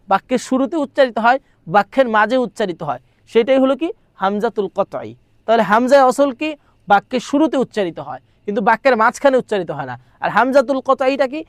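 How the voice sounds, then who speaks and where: Recorded dry and in studio quality, this man's very high-pitched voice belongs to a madrasa exam tutor giving a grammar lesson for exam prep. Lines get read out, translated and repeated, with a steady stream of rhetorical questions.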